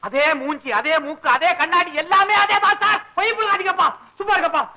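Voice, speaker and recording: An actor playing a loud, panicky father in a comic film scene, wailing and shouting in rambling outbursts. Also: very high-pitched, brisk, heavily acted, low-quality recording. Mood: frantic. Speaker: father who lost his money. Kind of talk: 1960s film comedy acting.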